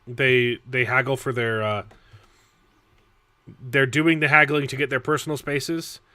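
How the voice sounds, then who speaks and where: A man chatting casually on a book discussion livestream, laughing often and stumbling over words when excited. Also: mid-range voice, a little slow, no room sound.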